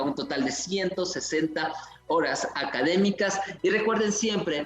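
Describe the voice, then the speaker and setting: A man hosting an online conference, effusive and promotional, reading out viewer comments. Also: fairly high pitch. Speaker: event host. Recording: echoey room with faint music.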